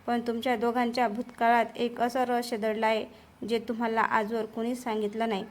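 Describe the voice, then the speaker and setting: Grave older chairman, quiet and solemn, read by a woman narrator with a fairly high voice. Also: little pitch movement, brisk, close to an everyday voice. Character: older male company chairman, grave and secretive.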